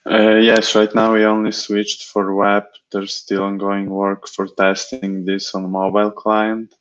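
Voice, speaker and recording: Very deep, slow-talking man. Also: monotone, smooth. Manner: slow and hesitant, plain. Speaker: developer on the team. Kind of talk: casual update on a video call. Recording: dull lo-fi call audio.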